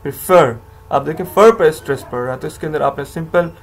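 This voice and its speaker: A man's voice: fairly high pitch, fairly even intonation, fast, creaky. A man teaching English grammar to learners, patiently explaining rules, repeating examples and correcting himself as he goes.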